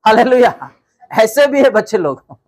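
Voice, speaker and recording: A man's voice: high-pitched, sing-song, a little slow. A man preaching a sermon as pastor, asking the congregation rhetorical questions and telling stories. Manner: rhetorical questions, repeated calls of hallelujah; storytelling, addressing the congregation directly.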